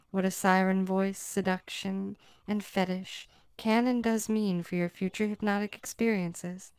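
A woman speaking as a hypnotist in a slow recording, using commanding, repetitive phrasing. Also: mid-range voice, darkish tone, clean tone, no room sound.

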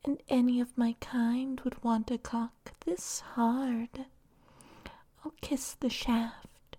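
A woman's voice: fairly high pitch, exaggerated voice. A woman voicing a whispering vine creature. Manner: soft, breathy whispering, slow and coaxing. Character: seductive female vine creature, patient and hungry. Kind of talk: whispered erotic audio roleplay.

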